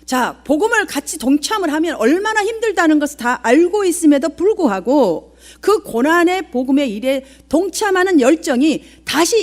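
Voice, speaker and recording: Middle-aged woman pastor, earnest sermon delivery, high and animated voice, keeps asking the congregation questions. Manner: earnest preaching, often asks the congregation questions.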